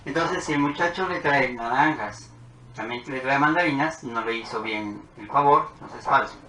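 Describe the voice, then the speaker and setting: A man explains propositional logic step by step, calmly reading out truth values as he writes them. His voice is bright and forward. The recording rings with room echo over a faint background hiss. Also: medium pitch, moderate pace. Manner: methodical, talks while writing tables. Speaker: math teacher. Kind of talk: whiteboard logic lesson. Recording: echoey room with faint noise.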